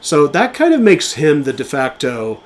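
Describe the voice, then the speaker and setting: A man co-hosting a podcast, speaking casually and with enthusiasm about film, with fillers and quick restarts. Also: a little high, wildly swooping pitch, a little hiss or hum. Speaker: podcast co-host.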